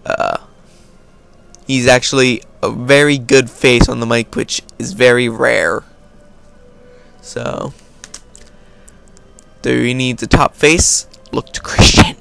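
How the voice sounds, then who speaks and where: A man's voice: medium pitch, fairly even intonation, takes it slowly, vocal fry, long pauses, a bit bright, smooth, soft background music. An American man hosting a casual question-and-answer video, reading viewer questions aloud and then answering in an offhand way. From United States. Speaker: video host. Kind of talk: casual Q&A vlog.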